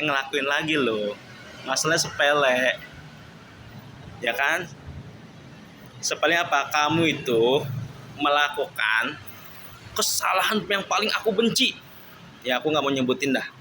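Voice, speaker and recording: A man talks through his grievances in a long, repetitive monologue. His voice sits slightly high and rings bright. He sounds hurt and complaining, and keeps circling back to the same points. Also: slight background noise, rough recording. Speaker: husband telling his story. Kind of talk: emotional monologue.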